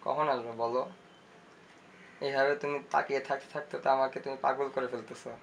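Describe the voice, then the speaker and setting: A man's voice: fairly high pitch, animated, a little fast, slight background noise. An actor playing a shy, lovesick young man, murmuring to a photo of his crush and getting flustered. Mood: dreamy longing. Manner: dreamy murmuring, then flustered and shouting. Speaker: lead character. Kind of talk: comic short-film acting.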